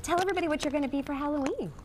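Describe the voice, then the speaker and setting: Very high, gushing American woman TV host. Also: very fast, a little mellow, a little hiss or hum. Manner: gushing, exclaiming, talks sweetly to a child. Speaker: TV show host. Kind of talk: chatty lifestyle TV interview.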